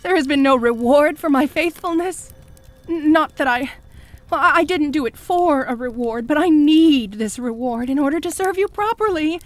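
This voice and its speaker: A woman playing a fanatical, jealous cult high priestess in an audio role-play, fawning and pleading with stammering devotion. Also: expressive, normal speed, dry recording. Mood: indignant, demanding. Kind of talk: scripted audio role-play addressed to the listener.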